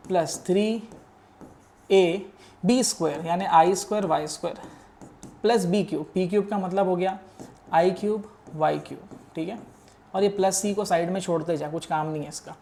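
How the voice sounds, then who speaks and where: A man's voice: high voice, moderate pace, pauses often, mellow, a little hiss or hum. A young man teaching engineering math in an exam-prep lecture, talking casually and coaxing his students along as he works each step aloud while writing. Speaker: math tutor.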